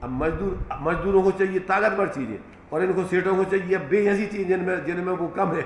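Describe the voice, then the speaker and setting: A man's voice: high-pitched, brisk. A man teaching a scripture class, patient and explanatory, repeating key terms and using homely examples. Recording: echoey room, faint background noise.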